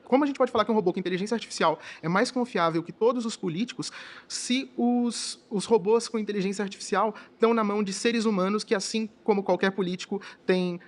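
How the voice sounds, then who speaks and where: Pointed male debater, high voice. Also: fast talker. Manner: pointed, argumentative questioning. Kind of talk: debate argument.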